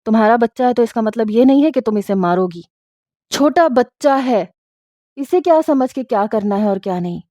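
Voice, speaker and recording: A woman's voice: fairly high pitch, animated, dry recording, clean studio sound, close to an everyday voice. A woman voicing an angry young husband. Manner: sharp, scolding outbursts. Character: angry protective young husband, quick-tempered. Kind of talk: storybook reading.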